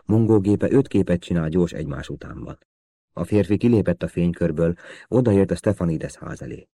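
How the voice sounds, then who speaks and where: A man narrating a thriller audiobook in a steady, even storytelling manner. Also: low voice, dry recording. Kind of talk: scripted narration.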